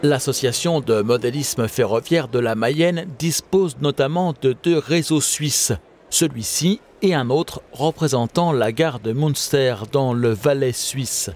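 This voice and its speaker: Man narrating a documentary, steady. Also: medium pitch, a little slow. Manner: steady, informative. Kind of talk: scripted narration.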